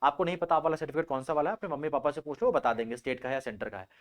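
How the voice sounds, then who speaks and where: A young man coaching students for an entrance exam, talking very fast in a casual, explanatory way. His voice sits fairly high for a man, and he keeps repeating points and calling his listeners bhaiya.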